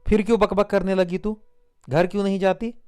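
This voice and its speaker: A stern older village farmer orders quiet in a raised, loud, clipped voice, pitched above the reader's own, as a male narrator puts him on. Firm and commanding, in a storybook reading. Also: little pitch movement, fairly quick, clear, resonant tone, lightly acted.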